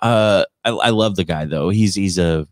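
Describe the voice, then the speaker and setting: A man's voice: low voice, moderate pace, no room sound, clean studio sound. A man hosting a podcast in casual chat, telling stories in a rambling, teasing way. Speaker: podcast host and stand-up comedian.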